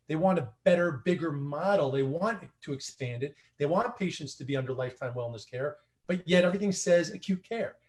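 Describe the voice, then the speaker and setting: A man with a high, light voice talks through practice advice in a relaxed livestream conversation. He leans on emphasis and repeats his points to drive them home. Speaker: chiropractic practice coach. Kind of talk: casual livestream discussion.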